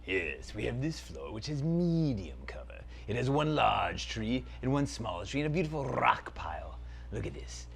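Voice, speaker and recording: A man's voice: medium pitch, very animated, normal speed, vocal fry, fairly bright tone, a little hiss or hum. A man voicing a pompous villain sorcerer prince in a comic skit, haughty and theatrical, now and then dropping to a stage whisper.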